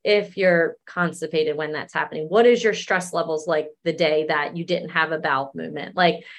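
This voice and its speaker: Woman in her thirties, low-ish voice, explaining stuff easygoing with lots of "like". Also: normal speed. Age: 30s. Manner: relaxed, explanatory, many fillers. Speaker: wellness coach guest. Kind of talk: casual interview chat.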